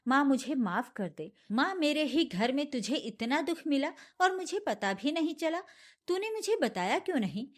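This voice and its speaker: A woman's voice: sits high, very animated, moderate pace. A woman voicing an angry, grieving young man who roars furiously and speaks through tears for his mother. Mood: tender. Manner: furious, roaring, tearful.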